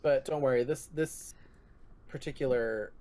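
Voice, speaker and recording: A man narrating as game master for a tabletop role-playing session, relaxed and quick to laugh. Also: mid-range voice.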